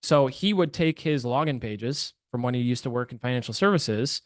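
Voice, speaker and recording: A man's voice: mid-range voice, lively intonation, moderate pace, no room sound, clean studio sound. A man presenting a webinar as a penetration tester, talking casually and correcting himself as he goes. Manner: chatty, uses filler words and restarts, self-corrects often.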